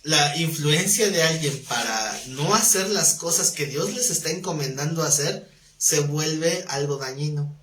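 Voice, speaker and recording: A man teaching a live Bible class, animated, breaking into quoted voices. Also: unhurried, a little hiss or hum. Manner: animated, acts out quoted voices with rising pitch. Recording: roomy echo.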